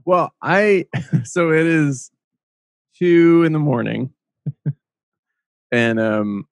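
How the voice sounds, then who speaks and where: A man's voice: fairly high pitch, extremely slow, gravelly, pauses often, dry recording, clean studio sound. A man hosting a podcast, talking casually in a rambling way and laughing often. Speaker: podcast host.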